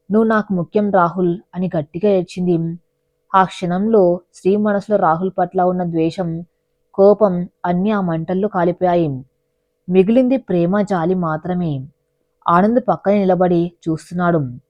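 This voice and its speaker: A woman narrating a dramatic story in a steady, measured storytelling way. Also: lowish voice, no room sound, highs cut off.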